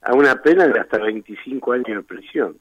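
A man's voice: mid-range voice, expressive, fairly quick, no echo, dull audio. A man with an Argentine Spanish accent, a defense lawyer arguing his case insistently in a radio interview, firing off rhetorical questions.

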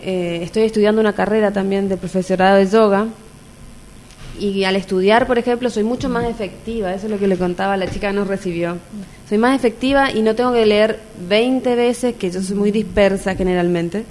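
Argentine mom talking openly, earnest, mid pitch, casual chat feel. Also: female voice, moderate pace, a little mellow, slight background noise. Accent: Argentine Spanish. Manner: earnest, open, storytelling. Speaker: mother of three sharing her experience. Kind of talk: personal testimony in conversation.

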